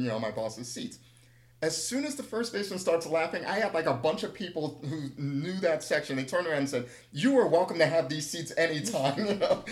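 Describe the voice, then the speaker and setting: A man casually telling rambling, humorous anecdotes with a self-deprecating touch. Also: fairly high pitch. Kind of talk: casual chat, storytelling. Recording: echoey room.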